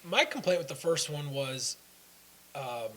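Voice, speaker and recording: A man's voice: a little high, very animated, measured pace, fairly bright tone, low-quality recording. A young man co-hosting a casual fan talk show, rambling through his opinions with restarts. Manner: rambling, hesitant with fillers and restarts. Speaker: co-host. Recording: faint hiss.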